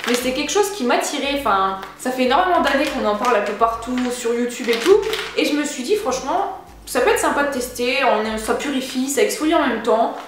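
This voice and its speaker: A woman's voice: high voice, expressive, brisk, heavy reverb, noisy background. A young woman chatting casually through a beauty haul vlog, slangy and enthusiastic. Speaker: beauty vlogger.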